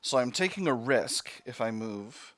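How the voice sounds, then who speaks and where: A man commentates on his own video game session. His voice sits at an average pitch. He works through decisions out loud, step by step, with mild exclamations. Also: lively intonation, unhurried, dry recording. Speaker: let's play host.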